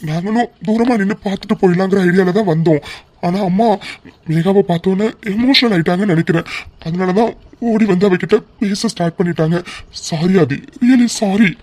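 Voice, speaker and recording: A kind young man in a cartoon reassures and apologizes in a warm, mid-pitched voice, as a performer voices him. He sounds calm and soothing throughout. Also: brisk, natural voice. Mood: apologetic, soothing. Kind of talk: cartoon voice acting.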